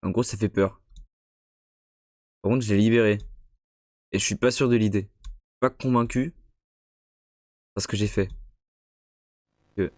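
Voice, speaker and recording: A man's voice: lowish voice, steady tone, a little slow, long pauses, darkish tone, no room sound, clean studio sound. Young male streamer, casual live play commentary, chatty and playful. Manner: chatty, jokey, reacts to scares. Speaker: streamer playing a horror game.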